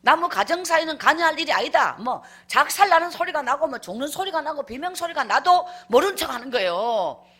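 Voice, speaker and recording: A woman's voice: high-pitched, sing-song, brisk, hardly any pauses, fairly bright tone. A woman evangelist tells her life story in a revival sermon, emphatic and acting out scenes as she goes. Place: church.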